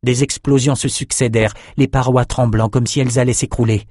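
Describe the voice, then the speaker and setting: A man reading a fantasy novel aloud in measured, dramatic scripted narration. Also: medium pitch, steady tone, darkish tone, no room sound, studio quality. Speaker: audiobook narrator.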